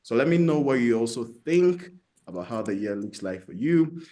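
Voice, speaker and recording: A man from Ghana hosts an online business forum from a computer mic on a video call. His voice sits mid-pitch and he talks with an energetic, encouraging, chatty push, often restarting his sentences. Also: normal speed. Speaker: host. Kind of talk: upbeat online forum hosting.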